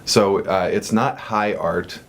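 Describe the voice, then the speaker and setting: A young man who directs a performance troupe answers radio interview questions earnestly, with many pauses and fillers. His voice sits on the low side and keeps a steady tone.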